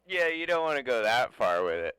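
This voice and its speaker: A CB radio operator with a mid-range voice talks trucks fairly quickly and very animatedly, staying casual, blunt and opinionated, with plenty of swearing. The transmission is heavily noisy and full of clicks.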